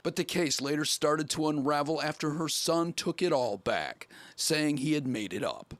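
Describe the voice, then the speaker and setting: A man's voice: fairly high pitch, expressive, normal speed, dry recording. An American man narrating a scripted television news report.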